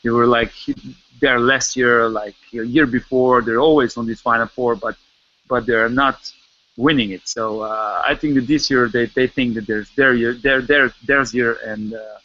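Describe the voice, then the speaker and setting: A man's voice: mid-range voice, fairly even intonation, moderate pace. A man speaking hesitantly, repeating words, as a panelist in a casual discussion. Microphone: video call. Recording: muffled online call audio.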